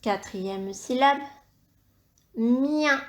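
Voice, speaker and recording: Slow, patient woman teacher. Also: high voice. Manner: patient, spells out sounds and syllables carefully. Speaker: primary school teacher. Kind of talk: slow, clearly articulated dictation lesson.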